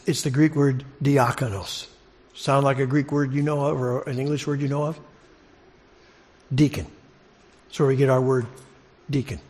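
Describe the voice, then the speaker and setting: Teaching his congregation, a preacher gives a conversational expository sermon full of questions for listeners and repeated phrases for emphasis. He has a mid-range voice with a darkish tone.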